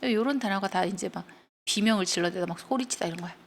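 A woman teacher walks students through English grammar, explaining each point patiently and asking whether they follow. Her pitch sits right in the middle for a woman, and she breaks up the grammar with lively storytelling. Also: fast talker, a little hiss or hum. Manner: explains step by step, checks in with students.

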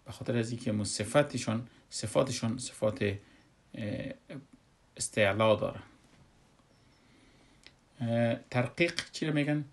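A man with an Afghan Dari accent teaching a tajweed lesson, explaining step by step with many fillers and slowly chanting example words. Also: mid-range voice. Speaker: Quran recitation teacher.

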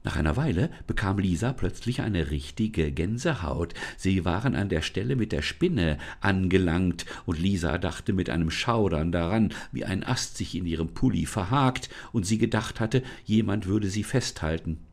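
A man reading a children's storybook aloud in a calm, measured way, with small thinking-aloud asides. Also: deep voice. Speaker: volunteer children's book reader.

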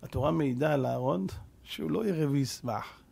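A man's voice: on the high side, vocal fry, a little mellow, breathy edge. A man preaching a Torah sermon as a rabbi, fervent and full of rhetorical questions, mixing street slang with scripture.

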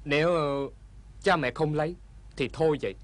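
A man doing a forgiving young husband, calm, slightly high voice, dry sound. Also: moderate pace, dry recording, natural voice. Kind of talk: dubbed folk-tale drama.

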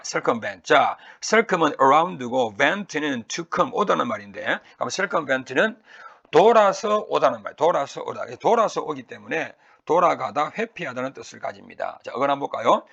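A male teacher with a Korean accent works through a vocabulary lecture. His voice is bright but rough, with gravel and a husky edge. He drills pronunciation by repeating each word and stretching it out slowly. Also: mid-range voice, dull audio. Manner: asks and answers his own questions.

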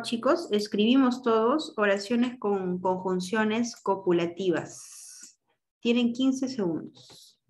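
A woman teacher running an online class, giving directions and patiently explaining grammar with examples. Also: medium pitch.

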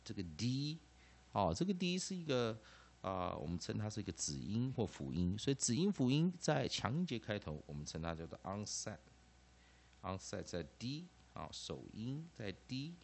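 Lively, low-voiced Taiwanese Mandarin teacher. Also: male voice, normal speed, slightly rough. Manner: lively, peppers phrases with 'ah' and 'ha', repeats terms. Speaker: English teacher. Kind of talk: classroom-style phonics lecture.

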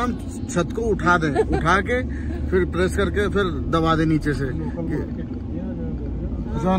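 A man in his thirties chatting to a phone camera while riding in a car on a road trip. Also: sits high. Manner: chatty, talks to camera while driving and cooking. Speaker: vlogger. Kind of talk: casual travel vlog chat. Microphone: phone at arm's length. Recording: phone audio with loud road and car noise.

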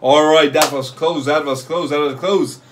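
Young adult male reaction host, somewhat high voice, casual street slang, repetitive excitable exclamations and loose swearing. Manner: casual street slang, like "yo", "fam", "bro", "no cap"; repeats short phrases rapidly, swears freely. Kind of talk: excited live reaction commentary. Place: small bedroom or home room, indoors.

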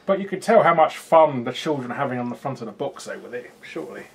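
A man's voice: mid-range voice, animated, breathy edge. A man co-hosting a casual board game review, laughing often as he jokes. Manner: giggly, quick to laugh. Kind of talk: casual comedic chat.

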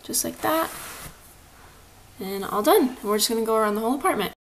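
A twentysomething woman with a slightly high, animated voice talks fairly quickly as she chats casually through a home cleaning vlog. She's a lifestyle vlogger, upbeat and chatty, filling her speech with fillers and saying "like" a lot. She's indoors in a small apartment living room, and the echoey recording carries faint room noise.

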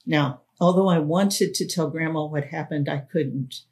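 A woman author and podcast host reading her own memoir aloud in a solemn, deliberate way. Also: sits low, darkish tone. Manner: slow, solemn, deliberate storytelling.

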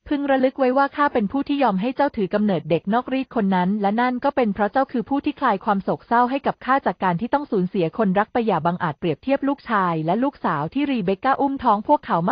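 A stern male clan patriarch speaks in cold commanding lines, read out by a woman. The delivery is rapid and sits fairly high. The recording sounds dull and dry, with no room around it. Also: dry recording, natural voice.

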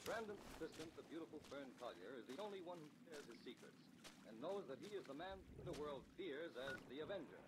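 An actor playing the dramatic, declamatory announcer of an old-time mystery radio serial. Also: male voice, a little high, very animated, fast. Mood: solemn. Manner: portentous, declamatory. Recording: noisy old radio recording under game sounds.

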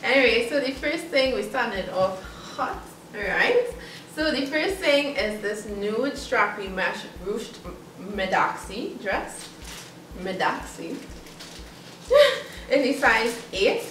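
A young woman talks her way through a clothing try-on haul, chatty and giggly with a self-conscious edge. She sounds set back from the camera in a roomy, echoing space. A clear hiss of noise sits behind her. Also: on the high side, animated, slow. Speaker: vlogger. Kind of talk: casual try-on haul chat. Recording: echoey room from far off.

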